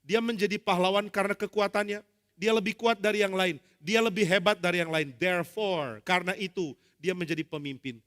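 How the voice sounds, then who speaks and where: A male pastor preaching a lively sermon, acting out dialogue with humor. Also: high voice, a little fast. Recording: long hall reverb.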